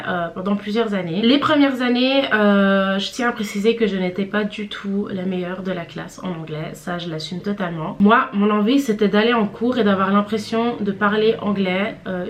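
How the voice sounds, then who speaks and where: A woman in her twenties telling a story to her viewers in a chatty, slangy vlog. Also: mid-range voice. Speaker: vlogger.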